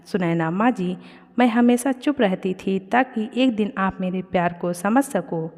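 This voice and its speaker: A woman's voice: mid-range voice, unhurried, darkish tone. Woman voicing a timid young daughter-in-law. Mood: gentle. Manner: pleading, frightened. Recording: long reverb.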